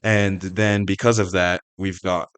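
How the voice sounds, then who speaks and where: A man hosting a podcast, chatting in a relaxed way and reading out questions from listeners. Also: deep voice, unhurried, smooth. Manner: relaxed, conversational, reads listener questions aloud. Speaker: podcast host. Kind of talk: casual podcast conversation.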